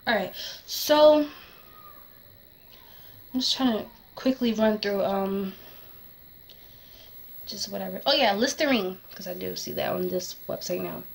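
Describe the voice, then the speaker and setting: A woman's voice: mid-range voice, unhurried, gravelly, long pauses. A young woman chatting casually to camera in a rambling, distracted way, correcting herself, with slightly slurred, lisping speech from a tongue piercing. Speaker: vlogger. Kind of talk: casual advice chat to camera.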